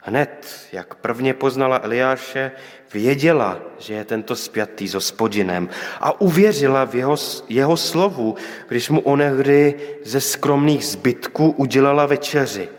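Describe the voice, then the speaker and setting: A man preaching a reflective sermon at a middle pitch, with pointed rhetorical questions. His voice carries a long reverb from the church hall around him. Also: animated.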